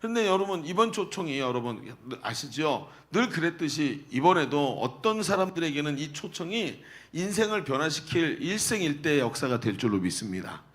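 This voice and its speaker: A man's voice: fairly high pitch, very animated, normal speed, hardly any pauses, a bit bright. A middle-aged male pastor who reads scripture aloud and then preaches in a chatty way, asking the congregation questions. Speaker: senior pastor. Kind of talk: sermon.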